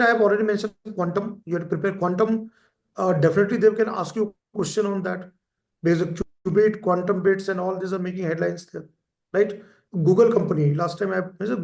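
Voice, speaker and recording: A man delivers an exam-prep lecture in a high voice. He repeats key terms and keeps checking in with his listeners. The recording carries a roomy echo. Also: darkish tone. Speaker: teacher. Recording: echoey room.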